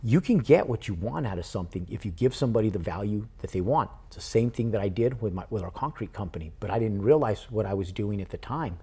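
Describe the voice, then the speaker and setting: A man in an interview who tells his story casually, animated and with casual swearing. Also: on the low side, fast talker, hardly any pauses, slightly rough. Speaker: podcast guest, real estate investor.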